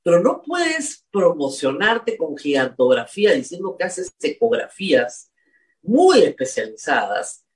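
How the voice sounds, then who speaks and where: A commentator delivers indignant spoken commentary, pitch swinging widely as they press each point. The manner is scolding and emphatic, with points repeated for effect. The voice sits a little back from the microphone. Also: big pitch swings, a little slow, recorded from a distance. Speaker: political commentator.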